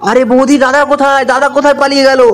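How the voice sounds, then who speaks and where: Guy voicing a jumpy young village dude in a doll story, really high voice, super insistent. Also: completely flat delivery, very fast, a bit bright, faint music behind. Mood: urgent. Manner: urgent, warning, insistent. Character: young village man, urgent brother-in-law. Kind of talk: home doll-play story acting.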